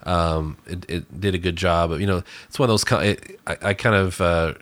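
A man co-hosting a podcast, talking through a film review in a casual, halting way as he searches for words. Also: low-pitched, fairly even intonation, fairly bright tone, no room sound. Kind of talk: casual conversation.

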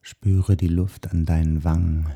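A man with a soft, husky, breathy voice guides a meditation in a hushed, soothing manner, leaving long pauses. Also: low voice, level tone. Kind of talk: guided meditation, body scan.

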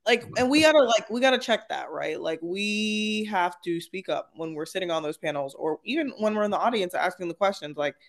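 Higher-pitched man, emphatic talker. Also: lively intonation, fairly quick, hardly any pauses, fairly bright tone. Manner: emphatic, articulate, frequent "like" and "right?". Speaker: panel guest. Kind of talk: casual, opinionated discussion.

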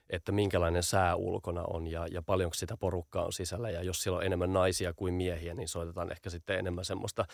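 A man with a very low, gravelly voice explains his field as a podcast guest. He talks in a steady explanatory way and often repeats small fillers as he gathers his thoughts. The sound is close and dry. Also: dry recording. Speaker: guest, audio branding expert.

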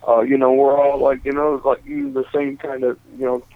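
A man's voice: mid-range voice, level tone, moderate pace, dry recording. A man being interviewed on the radio about his band, rambling with lots of "you know" and "uh". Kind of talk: casual radio interview chat. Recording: dry, tinny phone-like line.

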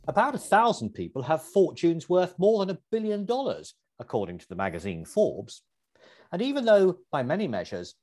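Lively, husky male podcast host. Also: mid-range voice. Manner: lively, articulate questioning. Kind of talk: scripted intro and interview questions.

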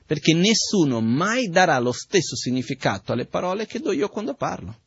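A man gives a relaxed Buddhist teaching, pausing often to check that his listeners are following along. His voice is husky and mid-pitched. The recording is dry and a little dull. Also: no room sound. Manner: conversational, checks in with the audience often. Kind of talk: spoken dharma teaching.

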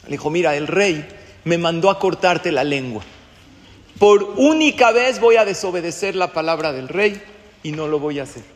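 A man gives a sermon as a rabbi, his voice pitched high. He asks his listeners questions and acts out the voices of the people in his story. The sound carries a long reverb, as if the class was recorded in a hall. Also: expressive, moderate pace.

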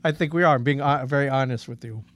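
A man's voice: mid-range voice, quick pace. A man co-hosting a podcast in casual chat, rambling and joking at his own expense. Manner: rambling, joking, self-deprecating. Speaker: podcast co-host.

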